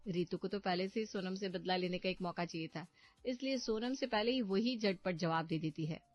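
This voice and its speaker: A woman giving scripted narration of a family story in an even storytelling manner. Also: lowish voice, moderate pace, no room sound. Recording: muffled, faint background music.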